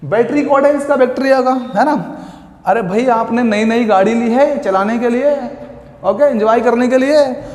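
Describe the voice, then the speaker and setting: A man teaching an exam coaching class, playful and drawn-out, repeating key words slowly as memory tricks. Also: extremely high pitch, a little mellow. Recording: echoey long-reverb room.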